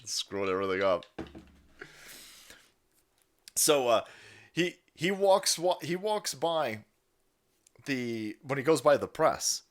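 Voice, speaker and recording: A man hosting a livestream, giving profane, sarcastic commentary over clips. He swings between shouts and low mumbles. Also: very animated, unhurried. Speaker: livestream host.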